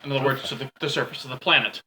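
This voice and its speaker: A man acting as game master, reading setting lore in a measured voice and explaining dice results to his players. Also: medium pitch, steady tone, bright, forceful tone, a little hiss or hum, rough recording. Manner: reads lore in a measured voice, laughs between rulings. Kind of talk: narrating a tabletop game.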